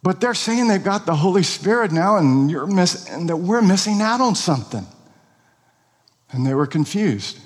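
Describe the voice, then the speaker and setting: A man's voice: sits high, very animated, normal speed, long reverb tail. A pastor preaching an expository sermon, earnest and emphatic, asking rhetorical questions of his congregation.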